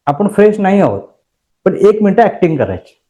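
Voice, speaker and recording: A man's voice: high voice, very animated, fairly quick, warm tone. A male course trainer giving a motivational lecture to a class, speaking emphatically, telling personal stories and often asking the room rhetorical questions. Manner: tells personal stories with dramatized inner voices.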